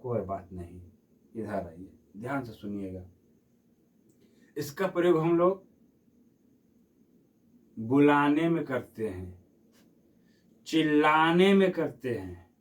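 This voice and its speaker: A man's voice: medium pitch, recorded from a distance. A man teaching a Hindi grammar lesson who repeats each question and answers it himself, stretching vowels to demonstrate.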